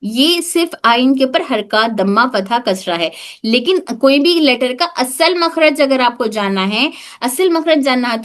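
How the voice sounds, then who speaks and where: High-voiced woman teaching on a video call. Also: fairly bright tone. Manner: patient, demonstrates sounds slowly and repeats them. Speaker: tajweed teacher. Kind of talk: online class teaching Arabic letter sounds.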